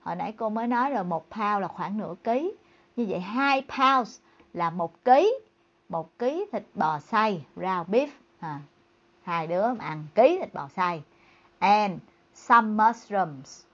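A woman English teacher giving a bilingual lesson. She reads dialogue lines slowly and clearly, then explains them in a chatty tone. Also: medium pitch, big pitch swings, muffled recording.

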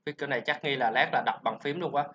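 A man with a Vietnamese accent teaching English pronunciation, drilling sounds and syllables slowly with chatty asides. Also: medium pitch, a bit bright, slight background noise. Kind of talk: informal pronunciation lesson. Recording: slightly dull lo-fi sound.

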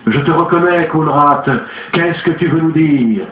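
A woman's voice: sits low, measured pace, pitched above the performer's own voice. A man voicing an imperious middle-aged woman who leads a séance, insistent and commanding. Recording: tinny lo-fi, roomy echo.

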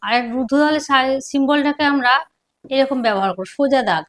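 A woman teacher giving a lesson at a board, speaking slowly and repeating syllables aloud to show how they sound. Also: high-pitched. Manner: slow, repeats syllables to demonstrate pronunciation. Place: classroom with a board.

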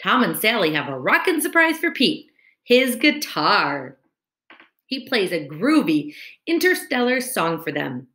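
A woman in her thirties with a mid-range voice reads a children's storybook aloud a little slowly, expressive and teacherly, as if speaking to young children. She's at home, recorded through a computer mic at webcam distance in a screen-captured video. The room sounds roomy and echoey.

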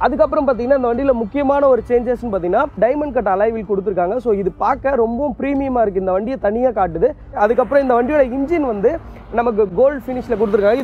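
A young man from Tamil Nadu reviewing a motorcycle to the camera outdoors by a roadside, explaining quickly. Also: very high voice, darkish tone, dull audio. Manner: rapid explanatory talk, standing by a motorbike.

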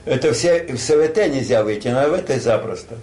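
A man's voice: medium pitch, animated, quick pace, warm tone. An older man telling a war story like a grandpa, rambling and colloquial, acting out dialogue. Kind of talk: casual oral war storytelling.

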